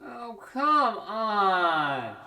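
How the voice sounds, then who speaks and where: A man's voice: sits high, very animated, extremely slow, very noisy, pitched above the performer's own voice, exaggerated voice. A man playing a sarcastic young man stranded in a desert, firing off dry quips in a comedic skit.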